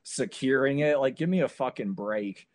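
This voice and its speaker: A male podcast host with a mid-pitched voice rants with energy, piling up clauses and casual swearing. He laughs along with his guest between points. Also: normal speed. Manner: animated, ranting, swears a lot.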